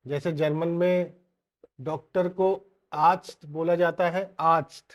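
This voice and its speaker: A man teaching an online language lesson, slowly repeating each sound several times for his learners. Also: a little high, steady tone, highs cut off.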